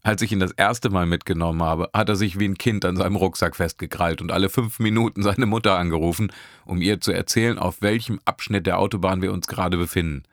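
A man's voice: low-pitched, fairly even intonation, fast, dry recording, clean studio sound. A man voicing a talkative young woman driver who teases her passengers and laughs a lot, in an audiobook. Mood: teasing. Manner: talkative, teasing, laughing often. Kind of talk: audiobook character voice.

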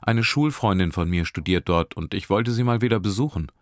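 A timid young woman who keeps her answers short and hesitant, played by a male reader. Her voice is lifted a little above his deep, dry narration. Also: a little fast, dry recording, natural voice. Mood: shy. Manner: hesitant, brief replies. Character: shy, nervous young woman passenger. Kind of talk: audiobook character voice.

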